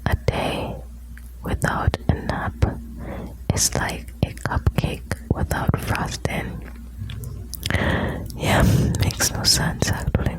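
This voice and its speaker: Woman, ASMR, close-to-ear whisper, unhurried pace, soothing, intimate, reading with chatty asides. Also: rough recording. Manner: soothing, intimate, addressing the listener. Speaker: ASMR host reading quotes.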